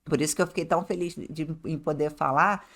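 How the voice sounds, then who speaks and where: A woman's voice: low voice, fairly even intonation, a little fast, vocal fry, a bit bright. A woman with a Rio de Janeiro Brazilian accent and slightly tongue-tied diction, talking casually as a guest adviser on a podcast in a chatty, colloquial way. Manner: chatty, colloquial, acts out clients' remarks.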